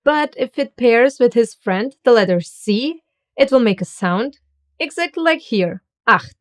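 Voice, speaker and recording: A woman's voice: on the high side, animated. A woman narrating a scripted beginner language lesson, carefully demonstrating how words are pronounced. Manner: slow, careful pronunciation demonstrations. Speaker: language teacher.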